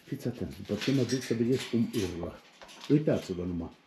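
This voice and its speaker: A man's voice: on the low side, lively intonation, warm tone, echoey room, a little hiss or hum. A man, rambling colloquially as he talks straight to his viewers in a casual vlog. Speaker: vlogger.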